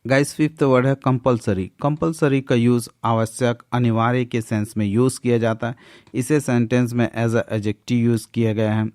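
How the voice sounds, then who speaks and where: Slow, flat-voiced Indian English teacher. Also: male voice, medium pitch, dry recording. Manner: slow, deliberate reading pace. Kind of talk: scripted vocabulary lesson.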